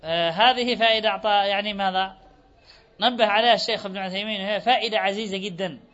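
A man's voice: high-pitched, steady tone, rapid-fire, a bit bright. A man teaching a grammar lesson, quizzing students and repeating their answers back to them. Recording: dull lo-fi recording.

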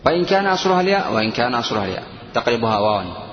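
A man teaching a grammar lesson, explaining slowly and asking his students questions as he goes. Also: mid-range voice, sing-song. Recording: echoey dull room with faint noise.

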